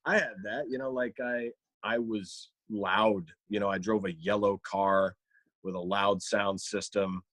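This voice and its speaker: Low-voiced man, dry close sound. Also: steady tone, unhurried, a bit bright, no echo. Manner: reflective storyteller, slips into playful voices. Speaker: comedian and voice actor guest. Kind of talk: casual chat.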